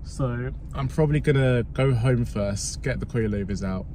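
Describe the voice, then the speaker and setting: A man's voice: mid-range voice, moderate pace, background noise. A young man chatting upbeat to camera while driving, filmed in his car on a phone, laughing now and then. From England. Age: young adult. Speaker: car vlogger. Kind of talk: casual vlog talk to camera. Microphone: phone camera on dashboard.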